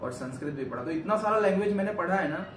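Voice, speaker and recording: A young man from Gujarat, India, answers questions about himself on his vlog in a casual interview chat, rambling, earnest, and correcting himself as he goes. His voice is high, animated, and quick. The recording is noisy, with an echoey room and him far from the mic.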